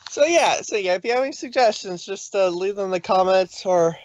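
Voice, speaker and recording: Animated and fairly quick, a woman with a medium-pitched, slightly mellow voice hosts a laid-back fan fiction reading. She alternates between narrating the story and chatting casually, and her dull, dry lo-fi mic shapes the sound.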